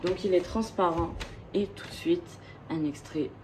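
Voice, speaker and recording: Woman vlogger, lowish voice, casual gushing chat with lots of hesitations. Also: steady tone, measured pace, noisy background. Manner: chatty and gushing, full of hesitations. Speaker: vlogger presenting her record collection.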